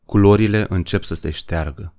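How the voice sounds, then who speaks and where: A man's voice: low-pitched, darkish tone. A man voicing a frail old male war veteran, weary and wistful, with a trembling, tired voice.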